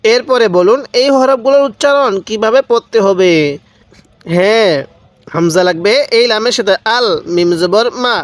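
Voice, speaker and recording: A man teaching Quran reading step by step, patiently repeating rules and slowly drawing out each syllable as he spells out the letters. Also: sits high, no echo. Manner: patient, repetitive explanations. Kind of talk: step-by-step recitation lesson.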